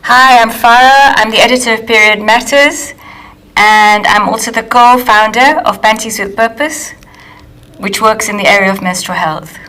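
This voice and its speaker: A woman from Kenya, an author and editor speaking in a measured, careful way during a recorded interview with retakes. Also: a little high, pushed and bright. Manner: measured, careful, restarts lines.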